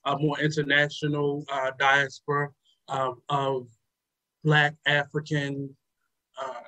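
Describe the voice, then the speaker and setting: Male talk host, slightly higher voice, halting and filler-heavy delivery. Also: completely flat delivery, bright, forceful tone, rough recording. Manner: hesitant, many ums and uhs. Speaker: radio show host. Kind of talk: casual reflective talk.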